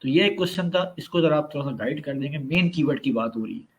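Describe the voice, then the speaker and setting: A man's voice: fairly high pitch, lively intonation, fast talker, breathy edge. Male moderator, polite, rephrases his questions; choppy internet-call audio that keeps breaking up. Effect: voice breaking up over a bad internet call. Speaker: session moderator. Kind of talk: asking questions on a live online class. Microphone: remote online call.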